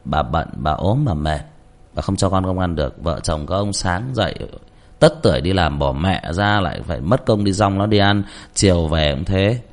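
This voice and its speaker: A man giving blunt, coarse advice to listeners in a casual, rambling way, often repeating words. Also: low voice.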